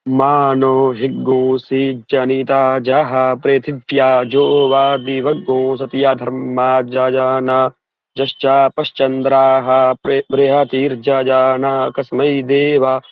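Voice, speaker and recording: A man, a student in an online class, reciting verses in a slow, flat, measured way over a thin, crackly phone line. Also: mid-range voice, no room sound. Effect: thin, crackly phone-line sound. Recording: tinny dry phone-line call.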